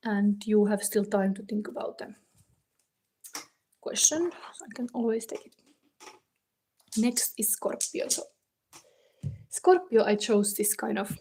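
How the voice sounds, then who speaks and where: In a live stream, a Finnish woman with a Finnish accent casually reads tarot and chats with viewers in halting, non-native English, thinking aloud as she goes. Her mid-range voice has a dark tone and a breathy edge. She records on a phone in a warm indoor room.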